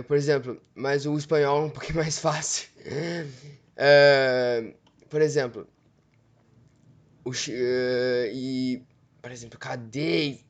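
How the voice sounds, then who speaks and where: A man hosting his own show in a casual, rambling, informal monologue that often corrects itself. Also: on the high side. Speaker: show host.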